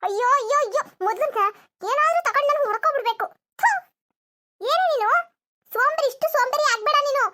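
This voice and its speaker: A woman's voice: very high-pitched, animated, fast talker, bright, forceful tone, exaggerated voice. A woman voicing a bossy, scolding mother-in-law in a cartoon comedy, nagging and threatening. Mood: shrill.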